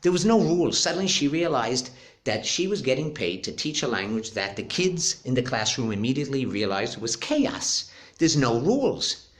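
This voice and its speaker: A man's voice: mid-range voice, big pitch swings, normal speed. A middle-aged man, an English teacher, telling a classroom story in a casual monologue, emphatic and opinionated. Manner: opinionated, emphatic, acts out quoted dialogue.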